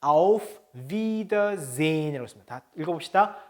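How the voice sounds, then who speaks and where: A man teaching a language lesson. He says each phrase slowly, then explains it, and often checks in with his learners. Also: fairly high pitch, animated.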